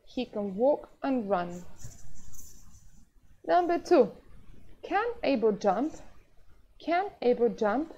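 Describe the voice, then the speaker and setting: A woman's voice: on the high side, warm tone. A woman teaching English in a live online class, moving between English and Spanish, patient and explaining step by step with frequent "yes?" check-ins. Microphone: video call. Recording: dull, lo-fi online class audio.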